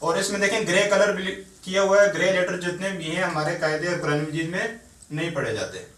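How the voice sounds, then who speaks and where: A man teaches tajweed to beginners. He is patient and spells out each sound slowly, syllable by syllable. The recording is echoey, with the mic at some distance from him. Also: high voice, fairly bright tone. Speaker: Quran teacher.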